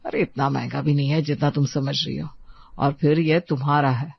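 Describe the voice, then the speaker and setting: Caring husband for a cartoon moral story, gentle and coaxing, played by a man. Dry, slightly muffled recording. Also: a little high, fairly even intonation, moderate pace, gravelly, breathy edge, dry recording.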